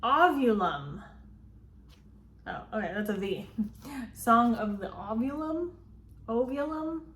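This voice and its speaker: Woman, phone video recording, roomy echo, casual rambling chat, slightly high voice. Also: expressive, slow pace, fairly bright tone. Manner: chatty and rambling, with frequent ums and likes. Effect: filmed as a phone video. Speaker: book vlogger. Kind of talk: casual book haul chat. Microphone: phone camera.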